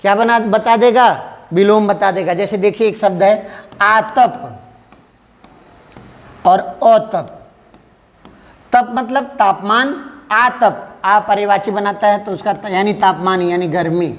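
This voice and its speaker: A man's voice: high voice, fairly even intonation, measured pace, in a large hall. A male teacher giving an exam-prep lesson, who keeps asking the class questions and answering them himself.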